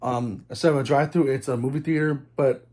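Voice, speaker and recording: A man's voice: medium pitch, steady tone, quick pace, a little mellow. A man from Texas giving a casual, rambling movie review for his channel, with lots of ums and restarts. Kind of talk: casual film review vlog.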